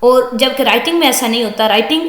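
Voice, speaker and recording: High-voiced woman lecturing. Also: fairly bright tone. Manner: reads English lines slowly then explains them at length, patient and repetitive. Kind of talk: recorded online lecture. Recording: echoey room.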